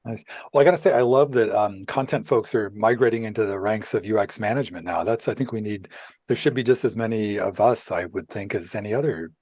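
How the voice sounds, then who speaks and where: A man's voice: lowish voice, a little fast, darkish tone, breathy edge, no echo. An older man hosting a podcast interview over a video call, friendly and a bit rambling. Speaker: podcast host. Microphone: earphone mic on video call.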